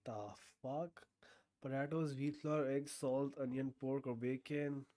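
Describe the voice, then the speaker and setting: A man's voice: mid-range voice, flat delivery, measured pace, dark tone, no room sound. A man streaming a guessing game, thinking aloud with frequent swearing and sudden bursts of disbelief. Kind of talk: casual game commentary.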